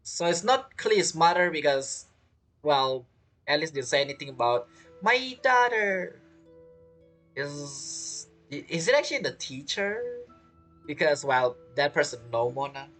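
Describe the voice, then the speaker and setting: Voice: medium pitch, big pitch swings, unhurried, a bit bright, soft background music. A game streamer giving casual reaction commentary and theorizing aloud.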